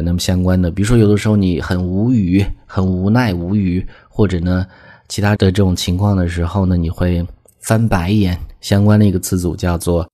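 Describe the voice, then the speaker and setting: A man teaching English vocabulary, explaining each phrase patiently and reading example sentences slowly twice. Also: sits low, dark tone.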